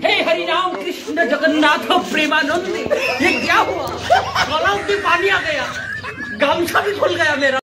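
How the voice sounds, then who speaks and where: Extremely high-pitched wailer, drawn-out exclamations, comic clip with loud crowd noise. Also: poor audio.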